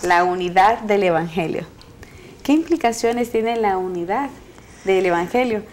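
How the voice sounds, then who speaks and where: A woman's voice: medium pitch, measured pace, a little mellow, slight background noise. A woman hosting a university TV Bible study program, welcoming guests and asking them questions. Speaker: host. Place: TV studio.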